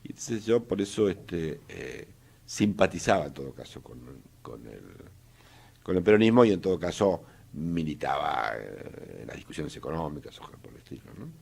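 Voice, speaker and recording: Deep husky older Argentine man. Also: very animated, moderate pace, a little mellow. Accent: Argentine Spanish. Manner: hesitant, many fillers and restarts. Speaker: interviewee, economist. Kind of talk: casual interview talk.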